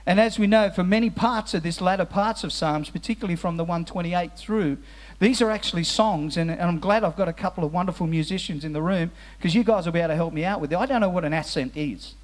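Male pastor, high voice, earnest sermon delivery with restarts, slow soft solemn lines. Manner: earnest, repeats words as he restarts phrases; drops to slow, soft tones on solemn phrases. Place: church hall with musicians present.

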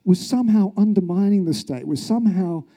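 A man's voice: high-pitched, animated, fairly quick, warm tone. An Australian journalist, a man, telling his own story in an earnest, reflective way, with rhetorical questions. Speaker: journalist, speaker. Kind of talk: recounted personal story, public talk.

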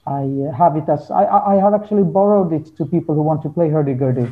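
The speaker is a man, a folk musician being interviewed casually, who talks fast in a voice on the high side. He hesitates while searching for words in non-native English, and the audio is narrow and tinny.

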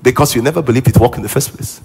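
A man's voice: mid-range voice, racing, gravelly, a little mellow, slightly rough, faint music behind. A male pastor preaching a sermon with emphasis, repeating key lines and acting out what people say.

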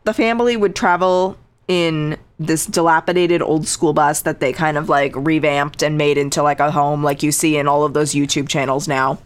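A woman's voice: low-pitched, fairly even intonation, normal speed. A woman co-hosting a podcast, casually telling a true crime story with dry, sarcastic asides and lots of fillers.

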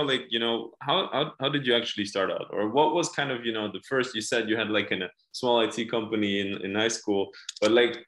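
A man's voice: lowish voice, fairly bright tone. A man hosting a podcast, asking long rambling questions full of fillers. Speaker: podcast host. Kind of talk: podcast interview. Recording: roomy echo.

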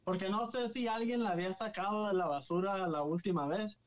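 A man's voice: sits high, fairly quick, highs cut off. A man, a guest telling stories casually in a mix of Spanish and English. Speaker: guest paranormal investigator. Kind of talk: casual bilingual storytelling.

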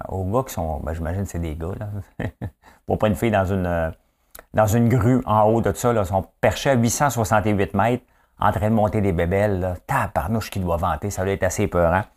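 A man's voice: low-pitched, creaky, darkish tone. A man in his fifties with a Quebec French accent, hosting in a chatty, joking way and asking his audience questions. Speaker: host. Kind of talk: casual chat presenting trivia.

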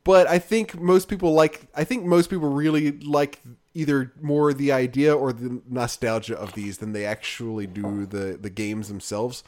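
A man's voice: medium pitch, steady tone, normal speed, darkish tone. A man co-hosting a podcast, chatting casually about video games in a loose, rambling way full of fillers that often trails off. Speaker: podcast co-host.

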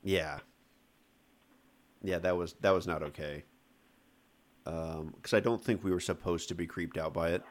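A man with a very low voice hosts a casual film podcast. He jokes lightly and moves the talk along from topic to topic. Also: steady tone, measured pace, long pauses. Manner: joking, leads the discussion. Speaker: podcast host. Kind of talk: casual film review chat.

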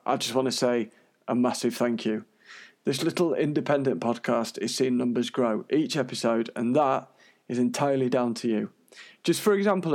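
A man's voice: mid-range voice, darkish tone. An unwell British man hosting a podcast in a chatty, earnest monologue, his breathing audibly wheezy. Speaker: podcast host.

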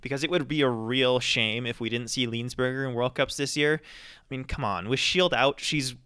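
A man co-hosting a sports podcast gives opinionated, ranting commentary on ski racing, full of ums, frequent fillers, and restarts. His mid-range voice has a sharp, clean tone at normal speed, in a casual podcast style.

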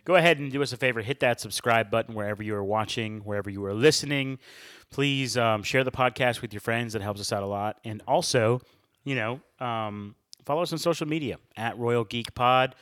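A young man hosts a laid-back podcast with his friends. His voice sounds bright and forceful, and he talks in an upbeat, chatty way, laughing easily. His pitch sits in the middle for a man. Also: brisk. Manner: upbeat, talkative, laughs often. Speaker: podcast host. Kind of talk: casual podcast chat.

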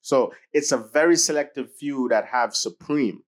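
A man's voice: mid-range voice, moderate pace. Profane, emphatic man chatting casually. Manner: profane, emphatic, restarts often. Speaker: podcast co-host. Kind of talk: casual chat.

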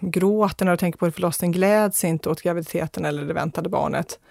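A woman speaking as a guest expert, giving measured advice with frequent hesitations. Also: on the low side, gravelly, a little mellow, dry recording, clean studio sound. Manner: measured, advisory, with many fillers and restarts. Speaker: guest expert on fear of childbirth. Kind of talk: conversational radio interview.

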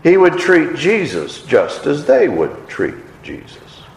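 Lively-voiced man preaching in an echoey hall. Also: fairly high pitch, slow, gravelly. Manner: expressive storytelling, acting out quoted lines. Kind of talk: sermon.

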